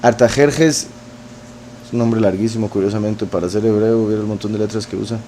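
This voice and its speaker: A man, teaching scripture verse by verse in an unhurried way, thinking aloud with fillers and asides. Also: on the low side, fairly even intonation, warm tone, a little hiss or hum. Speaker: bible teacher.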